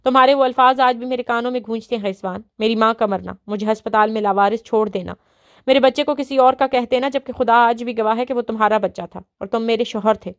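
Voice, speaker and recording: A woman's voice: a little high, clean tone, natural voice. A woman voicing a wronged young wife who speaks in a cold, hard tone. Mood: bitter.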